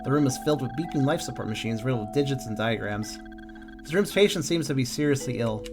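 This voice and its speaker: A man reading a text game aloud with a calm, musing delivery and small slips and asides. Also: medium pitch, quick pace, music in the background.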